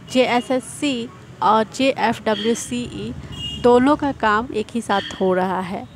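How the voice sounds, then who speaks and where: A woman teaching an exam-prep grammar lesson, explaining slowly and repeating each example. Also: on the high side, a little hiss or hum.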